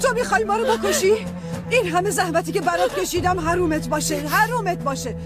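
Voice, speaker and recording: A woman's voice: extremely high pitch, lively intonation, music in the background. An actress dubbing a furious mother who scolds and curses her daughter in a TV drama. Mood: raging. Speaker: angry mother. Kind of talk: dubbed TV drama.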